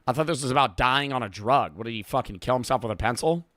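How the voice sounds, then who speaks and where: A man's voice: mid-range voice, quick pace, a bit bright, no echo, clean studio sound. A man streaming a reaction video, telling rambling, profane stories in casual talk.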